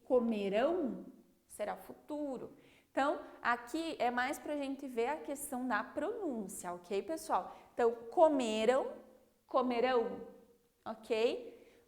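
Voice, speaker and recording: A Brazilian woman teaching a primary school class, explaining patiently and checking in with the children often. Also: high-pitched. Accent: Brazilian Portuguese. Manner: slow, patient, clear word-by-word explanation; checks understanding with frequent "ok?".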